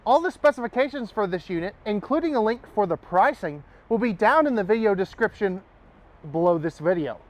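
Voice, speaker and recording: This product walkthrough features a man inside a travel trailer at an RV dealership, talking in a high-pitched, expressive, brisk way. He's cheerful and talkative with casual asides, and his voice is a bit nasal from allergies.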